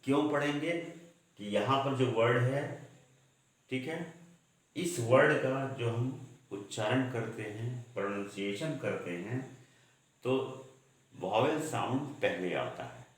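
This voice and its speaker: Guy teaching grammar real slow, big echoey room. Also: mid-range voice. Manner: slow, repeats checks like "ठीक है" often. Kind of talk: grammar lesson.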